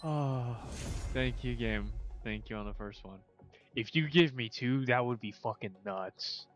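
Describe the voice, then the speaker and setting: A man streaming a video game live, chatting casually, swearing and talking straight to the game with sudden loud outbursts. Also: mid-range voice, a little slow, faint music behind. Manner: talks to the game, swears, bursts into loud exclamations. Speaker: livestreamer. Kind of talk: casual gaming livestream commentary.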